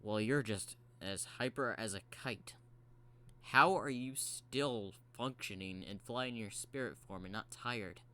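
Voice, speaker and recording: A man's voice: on the low side, slow pace, sharp tone. A man voicing a tired, grumpy male robot fox who hesitates and fumbles his words. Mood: weary. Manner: sleepy, hesitant, full of filler words.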